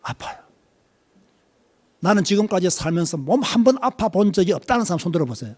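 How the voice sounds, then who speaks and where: Lively Korean preacher. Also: male voice, sits high, fast talker. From Korea, Busan. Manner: lively preaching, questions to the congregation. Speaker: pastor. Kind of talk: sermon.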